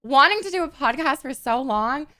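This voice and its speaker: Bubbly high-voiced young woman. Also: animated, normal speed, bright, forceful tone. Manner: giggly and gushing, says "like" often. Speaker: podcast host. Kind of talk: casual chat.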